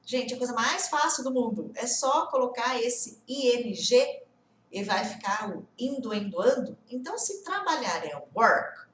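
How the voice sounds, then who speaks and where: A woman with a fairly high voice teaches English in a live online lesson. She is chatty and playful, and she acts out the questions her students might ask. Her voice echoes through the room around her. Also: animated, measured pace, a bit bright, a little hiss or hum.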